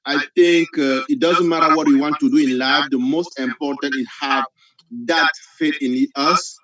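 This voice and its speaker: A man from Cameroon speaking on a video call, halting and full of "uh"s, with a joking touch. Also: a little high, steady tone, bright, forceful tone. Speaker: conference guest asking questions. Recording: dull lo-fi video call audio.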